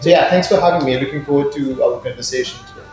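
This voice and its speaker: A man's voice: medium pitch, fast talker, a little mellow. A man from Mauritius with a Mauritian accent, answering interview questions conversationally and often repeating words as he searches for phrasing. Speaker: interview guest, business incubator worker. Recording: very echoey room, music in mix.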